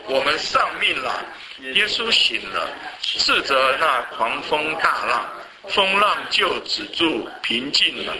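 A man with a slightly raised voice runs a Bible study at a brisk clip, throwing quick questions to the group and reading scripture aloud. Other voices in the room read along with him. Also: on the high side, rough recording.

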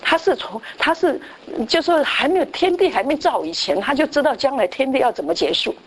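A woman preacher tells a story in a conversational sermon, her high voice animated and brisk. She restarts often and uses frequent tag questions. There's slight background noise.

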